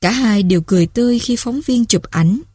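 A woman narrating stories in a calm, measured reading voice. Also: fairly high pitch, breathy edge, no echo, studio quality. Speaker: story reader. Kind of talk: storytelling narration.

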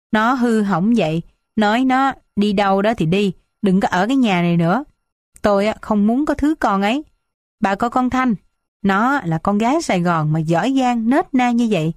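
A woman's voice: medium pitch, no room sound, clean studio sound, natural voice. A woman doing a stern, irritable old father. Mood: angry. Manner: gruff, scolding, quick.

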